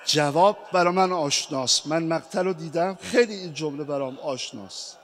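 A man's voice: a little high, faint music behind. A man delivering an impassioned, mournful sermon recitation as a preacher. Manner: impassioned, mournful, rising to cries.

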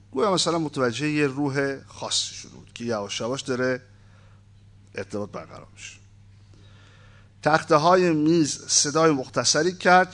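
A man gives an informal lecture, reading a text aloud and breaking off for conversational asides with wry humor between the passages. His voice is fairly high-pitched and a bit bright.

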